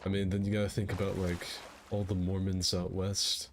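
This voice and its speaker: A man chatting on a call while gaming, keeping up a light put-on pirate voice. His pitch sits very deep, and his banter is crude and full of swearing. A faint hiss runs underneath. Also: monotone, normal speed. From United States. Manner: crude, profane, mock-patriotic banter. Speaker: gaming co-host. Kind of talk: casual gaming chat over a voice call. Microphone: computer mic on an online call.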